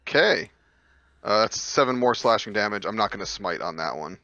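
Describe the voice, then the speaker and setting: A man's voice: lowish voice, lively intonation, brisk, sharp tone, no echo, dull audio. A man playing a tabletop game, eagerly explaining the rules in casual chat.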